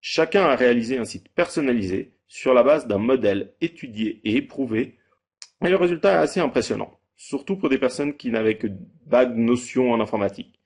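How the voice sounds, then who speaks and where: A man in his thirties giving a measured, read-aloud testimonial as a holiday rental owner. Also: medium pitch, lively intonation, darkish tone. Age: 30s. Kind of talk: scripted testimonial.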